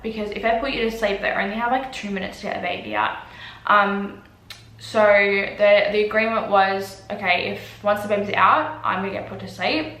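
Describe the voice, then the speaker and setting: A woman's voice: medium pitch, a bit bright. A young woman tells a casual storytime vlog, chatty, swearing freely and using many fillers. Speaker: vlogger. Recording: echoey room.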